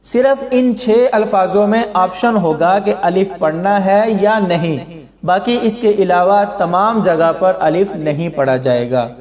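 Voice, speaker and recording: In a slow, explanatory lesson, a man teaches Quran reading with a Pakistani Urdu accent, drawing out the words he recites. His voice sits high with a darkish tone, recorded in an echoey room with long reverb.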